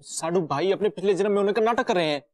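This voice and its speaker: A man's voice: high-pitched, quick pace, lightly acted. An actor playing a nervous young man who stammers and pleads to be believed. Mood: pleading. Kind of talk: TV comedy acting.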